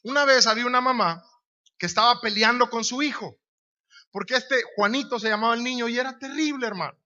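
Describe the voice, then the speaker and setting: Honduran male preacher, high bright voice, emphatic sermon delivery, dull lo-fi recording. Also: brisk. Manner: emphatic, repeats key phrases, rhetorical questions.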